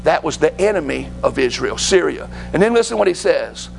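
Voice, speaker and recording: A fervent male preacher delivers a sermon in church. His voice is high and deeply gravelly, and it sinks now and then to a hush. Faint music plays behind him. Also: sing-song, a little fast, low-quality recording. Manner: fervent, dropping to hushed whispers.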